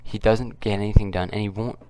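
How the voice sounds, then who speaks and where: A man hosting a casual, unscripted commentary video, keeping his voice quiet and subdued and talking in a halting, repetitive way. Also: fairly low pitch, steady tone, clear, resonant tone. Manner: kept quiet, subdued because others are nearby. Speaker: political commentary video host. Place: at home, others nearby.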